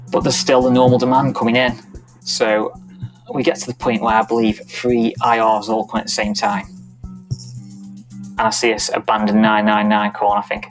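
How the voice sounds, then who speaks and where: A middle-aged man, a police officer recounting a night shift in a documentary interview, in a steady, matter-of-fact way. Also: mid-range voice, poor audio.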